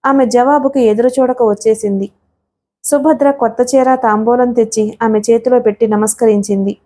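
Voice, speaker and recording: Mellow-voiced woman narrating a novel. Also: a little high, steady tone, normal speed. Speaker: audiobook narrator. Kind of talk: scripted novel narration with character dialogue.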